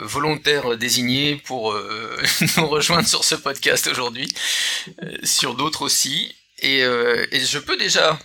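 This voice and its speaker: A man's voice: medium pitch, pushed and bright. A man hosting a casual podcast chat, hesitant, with many filler sounds and restarts. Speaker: podcast host.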